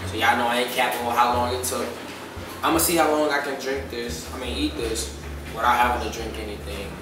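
A man in his twenties chatting casually in street slang to camera, hosting a food challenge vlog in an animated, exclaiming way. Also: mid-range voice, brisk, recorded from a distance, noisy background. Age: 20s. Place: home kitchen, indoors. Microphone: camera a few feet away. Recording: very echoey room, off mic, music behind. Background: music.

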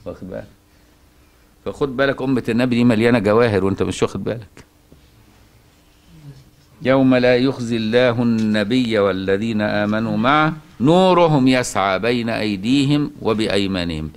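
Egyptian male Quran teacher, brisk chatty delivery, checks in with the class, chants verses slowly. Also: medium pitch. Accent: Egyptian Arabic. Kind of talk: colloquial religious lesson.

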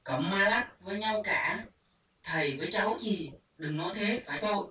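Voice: mid-range voice, normal speed, pushed and bright, natural voice. A storyteller voicing a flirtatious, bullying soldier, heard in an echoey room from a distance. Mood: wheedling. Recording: echoey room, far from mic, faint hiss.

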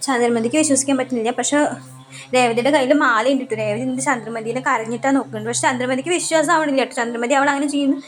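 Fast, chatty woman retelling a serial. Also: high voice, steady tone. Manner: chatty, keeps adding a tag question for the listener. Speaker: serial episode recapper. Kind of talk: casual retelling of a TV serial episode.

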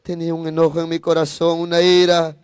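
A man preaching his testimony in a high, smooth voice that keeps close to one level. He repeats his phrases and breaks in with praise, turning often to address his listeners directly. The sound is dry and close. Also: completely flat delivery, a little fast, darkish tone, no echo. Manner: fervent, repeats phrases, adds praise interjections. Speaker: evangelist preacher. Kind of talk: sermon testimony.

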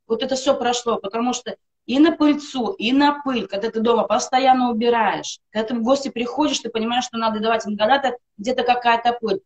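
A middle-aged woman with a slightly high voice speaks a little fast with fairly even intonation. As a guest on a live stream, she's on a video call from an indoor room at home, sincerely praising a wellness product through a string of emphatic lists.

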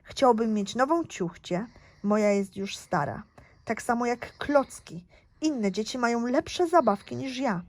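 A woman's voice: a little high, expressive, unhurried, a little mellow. A woman reading the part of a whiny little boy who complains about everything, from a storybook. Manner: complaining, read aloud from a storybook.

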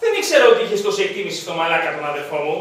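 An actor plays a crude, greedy schemer who talks gruffly and bluntly. His voice is bright and forceful. It comes from far off on an echoey stage, with faint noise behind. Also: a little high, sing-song. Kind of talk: stage comedy acting.

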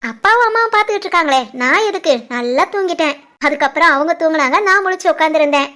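A young cartoon wife, voiced by a woman, talks in a very high, bright voice with a southern Tamil lilt from the Tirunelveli area. She is gentle and polite, speaking with affection and respect to her husband and in-laws. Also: expressive, fast, full character voice. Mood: affectionate. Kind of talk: animated family story voice acting.

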